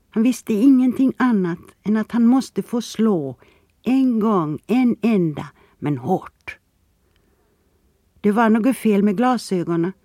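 A narrator reading a novel aloud in a steady, even storytelling manner. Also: mid-range voice, dry recording, clean studio sound. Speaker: audiobook narrator. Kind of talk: scripted narration.

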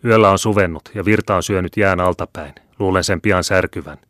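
A man voicing a calm, bearded older sergeant who talks in an unhurried, grimly matter-of-fact way. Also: low-pitched, dry recording, clean studio sound.

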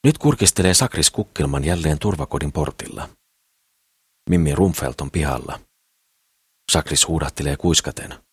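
A man reads a novel aloud with a measured, even delivery. His voice sits extremely low and sounds husky, captured dry on a close studio mic. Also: no room sound. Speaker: audiobook narrator. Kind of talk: scripted narration.

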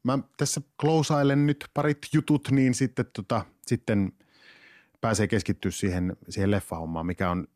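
A man's voice: fairly low pitch, steady tone, a little mellow, no echo, clean studio sound. A man talking as a podcast guest in casual chat, rambling with frequent laughs and restarts. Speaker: guest, actor and writer.

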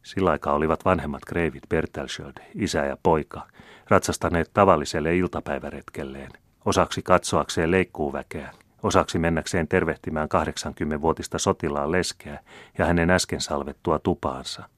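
A man narrating an audiobook in a steady, measured reading. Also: a bass voice, dry recording. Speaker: audiobook reader. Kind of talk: scripted narration.

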